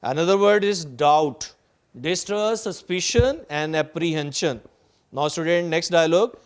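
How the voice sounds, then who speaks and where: A male teacher, his voice pitched fairly high, smooth and clear. He reads lines of a play slowly and deliberately, then explains them and lists synonyms in a methodical classroom manner. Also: animated. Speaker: English teacher. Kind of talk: recorded lecture explaining a play line by line.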